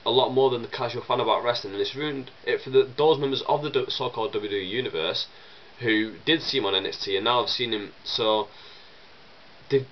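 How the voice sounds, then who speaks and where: A mid-range male voice, a little fast, comes through dull audio with slight background noise. The young vlogger is chesty with a cold, coughing and sniffling as he answers viewer questions in a chatty, rambling way, with plenty of fillers and restarts.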